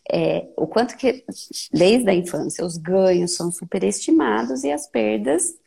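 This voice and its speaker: A woman in her thirties speaking gently and thoughtfully in a reflective conversation, with many soft fillers. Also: mid-range voice, expressive, moderate pace, vocal fry, crowd noise.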